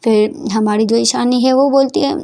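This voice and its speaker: High-voiced woman narrating a story. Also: steady tone, vocal fry, warm tone. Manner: quick, repetitive, conversational narration.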